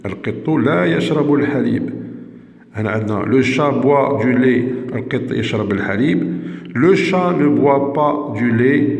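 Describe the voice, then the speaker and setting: A man with an Algerian accent, a primary school teacher giving a patient grammar lesson and reading examples slowly and deliberately. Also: mid-range voice, a little mellow. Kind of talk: classroom grammar lesson video. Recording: echoey room with long reverb.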